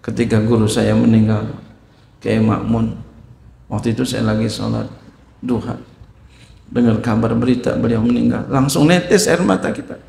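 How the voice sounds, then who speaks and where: Gravelly man teaching in an echoey hall. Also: medium pitch, steady tone, moderate pace, long pauses, a little mellow, a little hiss or hum. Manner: explains Arabic text phrase by phrase, asks the audience questions. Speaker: Islamic teacher. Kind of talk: sermon.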